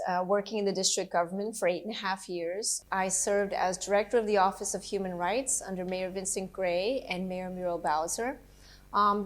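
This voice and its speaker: A middle-aged woman from Colombia, a political candidate, answering interview questions in an earnest, steady, policy-focused way. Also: mid-range voice.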